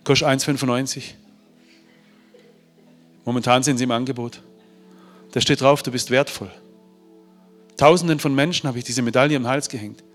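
A man's voice: medium pitch, fairly even intonation, normal speed, long pauses. Emotional man telling a story in a hall. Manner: emotional, swings from loud to hushed. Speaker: speaker. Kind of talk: motivational storytelling talk. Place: large hall. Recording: hall reverb with faint music.

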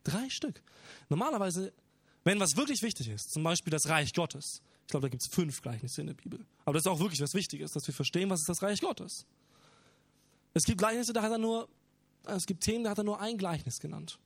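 High-voiced earnest male preacher. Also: expressive, fairly quick, creaky, husky, no room sound. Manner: earnest, emphatic, retelling parables. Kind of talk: sermon.

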